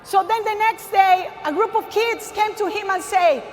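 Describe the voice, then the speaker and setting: Addressing a huge audience from an arena stage, a woman with a Costa Rican Spanish accent, herself from Costa Rica, gives an emphatic testimony of faith and calls out to the crowd. Her very high-pitched voice moves at a moderate pace. A little hiss or hum sits under long hall reverb and faint ambience.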